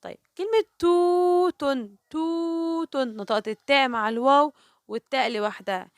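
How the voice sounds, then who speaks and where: Woman, Egyptian Arabic accent, high-pitched, children's reading teacher, asks and answers her own questions, dry close sound. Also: expressive, a bit bright, smooth, no room sound. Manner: stretches example words out slowly, syllable by syllable.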